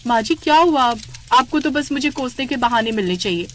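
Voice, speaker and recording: A woman's voice: a little high, animated, a little fast, fairly bright tone, a little hiss or hum. A woman voicing a naive, dramatic young daughter-in-law in a cartoon story. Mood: pleading. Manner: pleading, melodramatic.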